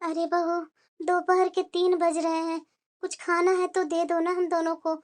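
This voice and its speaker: A woman's voice: very high voice, completely flat delivery, unhurried. A woman voicing an elderly cartoon mother-in-law who pleads with her daughter-in-law for food. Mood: pleading. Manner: pleading, calling out plaintively.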